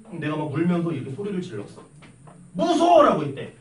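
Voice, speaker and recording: A young man teaching math in a classroom, chatty and animated, telling stories and tossing questions at his students. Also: fairly high pitch, rapid-fire. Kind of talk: classroom lecture with storytelling. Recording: echoey classroom from a distance with faint noise.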